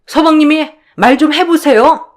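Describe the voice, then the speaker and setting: A woman voicing a scornful middle-aged sister-in-law who shouts accusations. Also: sits high, moderate pace, voice pushed up, natural voice. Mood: indignant.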